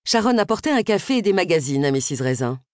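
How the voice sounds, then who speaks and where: A woman voicing a confident, flattering male hairdresser in an audiobook, in a lowered, self-assured voice. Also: fairly quick, dry recording, studio quality.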